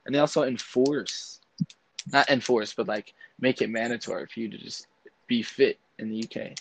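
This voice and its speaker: A young man co-hosting a casual podcast, excitable and slangy as he argues his opinions. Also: medium pitch, moderate pace, creaky, slightly rough, no room sound, poor audio. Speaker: podcast co-host.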